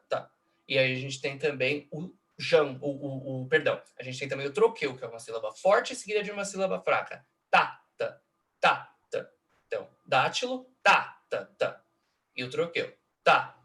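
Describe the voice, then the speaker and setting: A host gives an online lecture analyzing song lyrics over a computer mic in a live video call, explaining step by step and checking in with frequent tag questions. His medium-pitched voice is a bit bright, and he slows down and stresses syllables when tapping out rhythms.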